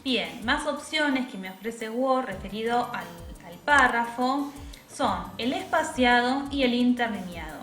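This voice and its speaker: A woman teacher, patiently explaining a software tutorial step by step and checking in with tag questions. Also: a little high, animated, unhurried. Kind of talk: screen-recorded software tutorial. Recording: echoey room with faint music.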